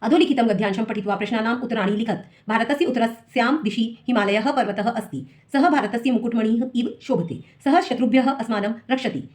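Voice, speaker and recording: This female teacher solves an exam paper for her students, first reading every question out loud, then breaking down the answer one step at a time. She speaks briskly with few pauses, in a fairly high voice that has a darkish tone.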